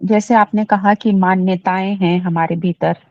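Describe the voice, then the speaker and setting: A woman's voice: mid-range voice, fairly even intonation, a little slow, dry recording. A woman with an Indian accent asking questions respectfully and conversationally, as a devotee. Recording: dull, muffled lo-fi audio.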